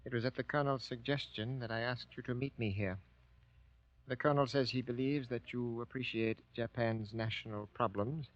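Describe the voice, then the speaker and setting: Actor as guarded, formal army sergeant, medium pitch. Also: male voice, fairly even intonation, no echo, natural voice. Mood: guarded, polite. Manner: formal, careful, deliberate diction. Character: American-born Japanese army sergeant, guarded, courteous envoy. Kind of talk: grave 1940s radio war drama acting. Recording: dull old 1940s radio recording.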